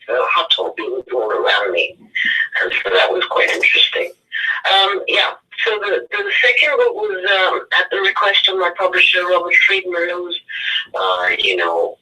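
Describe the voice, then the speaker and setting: A woman's voice: on the low side, sharp tone, far from the mic, poor audio. A woman from India, a spiritual author and radio guest, talking in an earnest, meandering way and often correcting herself mid-sentence. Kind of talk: casual radio interview.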